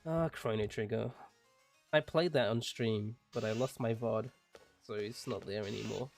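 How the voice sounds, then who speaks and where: A man streaming a game, making relaxed, offhand asides between reading the dialogue. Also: fairly low pitch, normal speed, gravelly, soft background music. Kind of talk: casual gameplay commentary.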